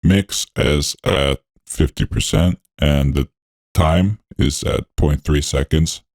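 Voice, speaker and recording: A man talking through a voice changer that deepens his voice. He hosts a music production tutorial, narrating each step in a laid-back, technical way with frequent fillers. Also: slow pace, darkish tone, dry recording. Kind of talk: walkthrough narration over a screen recording.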